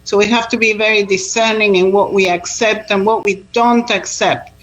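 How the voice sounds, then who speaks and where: Born in Israel and raised in Argentina, a woman who works as a tour guide and Bible teacher speaks earnestly about faith in an interview, with many fillers and repetitions. Her medium-pitched, slightly bright voice has fairly even intonation and normal speed, though the audio is poor.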